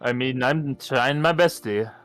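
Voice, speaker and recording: A man's voice: medium pitch, unhurried, fairly bright tone, clean tone, soft background music. A man playing in a tabletop role-playing stream, chatting casually and laughing often. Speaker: player. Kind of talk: casual chat during a tabletop game.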